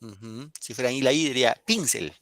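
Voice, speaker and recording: A man's voice: medium pitch, fairly quick, fairly bright tone, slight background noise. A male teacher with a Peruvian Spanish accent explaining a poem and questioning his students in a classroom lesson. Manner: explains and questions students, reads poems aloud.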